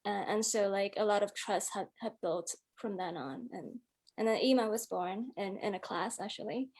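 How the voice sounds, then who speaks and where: This Hong Kong musician, a guest in an interview, has a medium-pitched, slightly mellow voice and speaks at a normal pace. She's reflective and peppers her speech with fillers such as "um" and "like."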